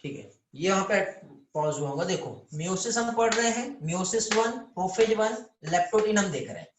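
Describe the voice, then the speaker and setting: A man's voice: sits high, animated, normal speed, reverberant, a little hiss or hum. A man teaching biology in a live online lecture, calling students "beta" and often checking whether they understand.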